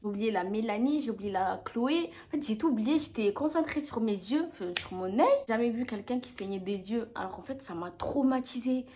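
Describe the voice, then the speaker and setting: Speaking a little fast with few pauses, a young woman with a fairly high-pitched voice tells a dramatic tale straight to camera. It's a casual storytime vlog, and her retelling is animated, full of acted-out quotes.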